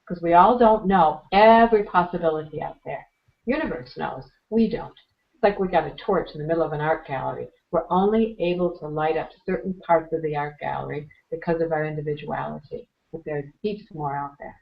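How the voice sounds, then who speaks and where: A woman with a hoarse, fading voice, speaking as an interview guest and giving earnest, motivational advice about meditation. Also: sits low, brisk, lo-fi sound. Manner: earnest, motivational, frequent throat-clearing. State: hoarse, losing her voice.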